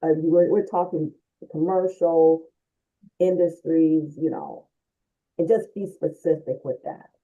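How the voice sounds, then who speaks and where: A woman's voice: deep voice, slow, warm tone. A woman at a committee meeting, talking tentatively on a video call, her voice muffled as if through a wall. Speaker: committee member. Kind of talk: casual meeting discussion.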